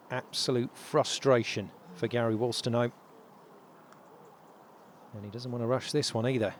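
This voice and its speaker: A man commentating on tournament golf, building drama in short, measured phrases. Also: mid-range voice, a little hiss or hum.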